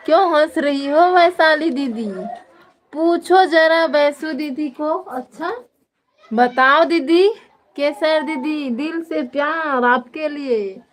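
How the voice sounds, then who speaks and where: Woman, Chhattisgarhi accent, high voice, live-stream chat, playful teasing, phone mic. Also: takes it slowly. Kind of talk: casual live-stream chat reading viewer comments.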